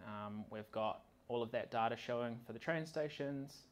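Speaking at a meetup as a conference speaker, a man runs an informal technical demo, working the software as he talks, which makes his casual delivery a little halting. He is a software consultant with a mid-range male pitch. The indoor venue has large windows and a projector screen.

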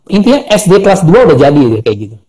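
A man's voice: high voice, racing, rough recording. A middle-aged man, a coach and speaker, telling stories in a live interview and acting out the voices of the people he quotes. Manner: animated, acts out quoted voices. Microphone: phone or video call.

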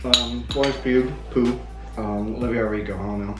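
A man's voice: mid-range voice, fairly even intonation, fairly quick. A man answering questions casually in an easygoing way. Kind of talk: casual chat. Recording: echoey room with background music.

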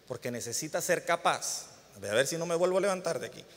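A fairly high-voiced man in his thirties delivers a sermon to a congregation. He tells stories vividly, acting out scenes with sudden loud outbursts. His voice rings out with long reverb in a church hall. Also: fast talker, a little hiss or hum. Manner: animated storytelling, acts out scenes with sudden loud bursts. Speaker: pastor.

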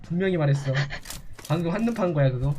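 A man's voice: a little high, fast talker, dark tone, slight background noise. A man chatting casually on a game live stream, with playful, flirtatious banter.

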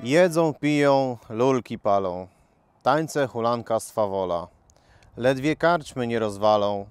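A man's voice: mid-range voice, lively intonation, slow, clear, resonant tone, faint music behind. A man, a local resident, reading a ballad in a boisterous, rollicking way. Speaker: resident reader. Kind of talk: lively poetry reading.

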